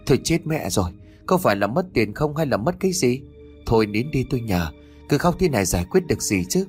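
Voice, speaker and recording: A man's voice: mid-range voice, animated, brisk, faint music behind, close to an everyday voice. A man playing a coarse village duck farmer who talks bluntly and brusquely. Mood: gruff.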